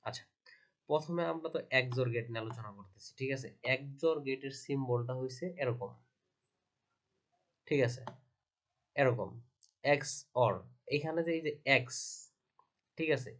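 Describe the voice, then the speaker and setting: A man's voice: medium pitch, moderate pace, pauses often, fairly bright tone. A man teaching from slides, asking himself questions and repeating each point. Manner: repetitive, asks and answers own questions. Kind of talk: slide lecture.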